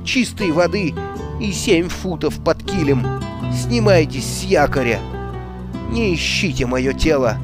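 A man voicing a blustering grown man who shouts his way through a staged sword duel, loud and theatrical. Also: fairly high pitch, animated, measured pace. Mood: mock dying. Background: music.

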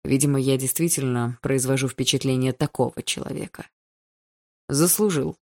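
A woman voicing a cold, menacing stepfather who speaks slowly and with icy calm. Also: extremely low pitch, no room sound, studio quality. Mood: insinuating. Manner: slow, icily calm, insinuating. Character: cold, menacing stepfather, middle-aged man. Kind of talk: audiobook character voicing.

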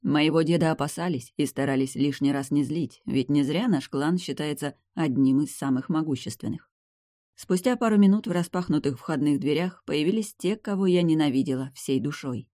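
A reader narrating a first-person fantasy novel in an even storytelling manner. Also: medium pitch, moderate pace, no echo, clean studio sound.

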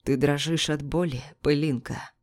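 A woman voicing Death as a cold male spirit who speaks softly and mockingly. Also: sits low, steady tone, takes it slowly. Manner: soft, whispering, mocking.

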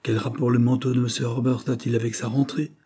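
A man's voice: on the low side, brisk, warm tone, slightly rough. A man voicing a middle-aged father questioning sharply, stern and tense.

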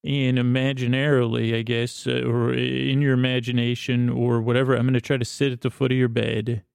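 A man with a creaky, gravelly voice drifts through a lulling bedtime ramble, pausing and correcting himself often. His pitch barely moves, and the recording is dry and close, with soft music underneath. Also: flat delivery, no room sound. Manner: lulling, soothing, meandering, with pauses and self-corrections. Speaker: sleep podcast host.

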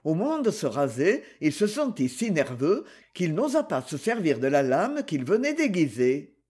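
Guy narrating an audiobook, slow and dramatic, high voice, a bit husky. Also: big pitch swings, a little mellow.

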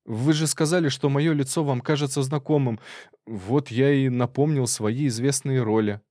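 A man's voice: medium pitch, moderate pace, warm tone, no echo, clean studio sound, pitched above the performer's own voice, natural voice. A man narrator voicing a scrawny, frightened young male actor of about twenty-five who mumbles. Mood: explaining.

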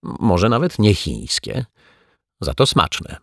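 A man's voice: lowish voice, very animated, slow pace, gravelly, no room sound, clean studio sound, exaggerated voice. A man voicing a grumpy, touchy waiter in a children's storybook reading, grumbling and taking offence easily. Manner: sulky, grumbling, indignant.

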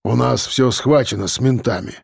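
A man voicing a stubborn, restrained male bodyguard who speaks low and tersely. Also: moderate pace, creaky, a little mellow, slightly rough, no echo, studio quality. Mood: grim.

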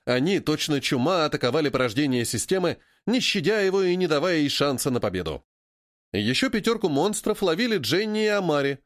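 Lively male audiobook narrator. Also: on the high side, fairly quick, dry recording, studio quality. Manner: lively, voicing many characters.

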